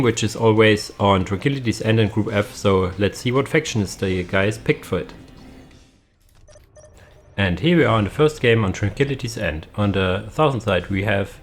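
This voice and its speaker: Casting note: young male game caster, lowish voice, halting casual delivery, faint music underneath. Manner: hesitant, many fillers and restarts.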